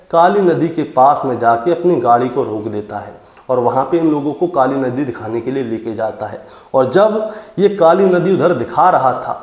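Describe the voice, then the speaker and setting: A man's voice: on the high side, darkish tone. Hindi man telling a true crime story. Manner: addresses listeners as friends, dramatic retelling. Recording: roomy echo.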